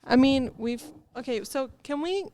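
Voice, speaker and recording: A woman's voice: high-pitched, lively intonation, a little slow, darkish tone. Questioning woman in casual podcast chat. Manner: questioning, argumentative. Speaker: podcast co-host.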